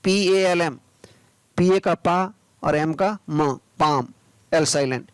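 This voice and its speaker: A man, teaching English pronunciation, spelling out words letter by letter and then explaining them slowly. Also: a little high, clean tone, no room sound, low-quality recording. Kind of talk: pronunciation lesson.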